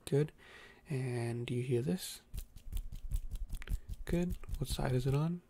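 A man in a whispered role-play as a doctor giving a calm nerve exam, speaking softly and slowly with hesitant fillers. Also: mid-range voice, gravelly, no room sound. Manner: soft-spoken, slow and gentle, with frequent hesitant fillers.

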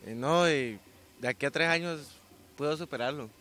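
A sixteen-year-old young man from Colombia, a weightlifter answering interview questions outdoors into a handheld mic, soft-spoken and modest. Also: fairly high pitch, normal speed, a little hiss or hum. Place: outdoors by a sports ground. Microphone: handheld reporter mic.

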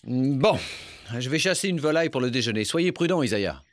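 An actor playing a cool, laconic cowboy hero with a dry manner in a French animated cartoon. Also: male voice, medium pitch, fairly quick, natural voice. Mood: watchful. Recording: loud music behind the voice.

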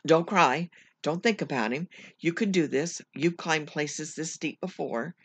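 A teacher reading aloud voices a frightened girl on a cliff, talking herself into staying calm in firm, urgent bursts. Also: mid-range voice, unhurried, slightly rough, no room sound. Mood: desperate resolve.

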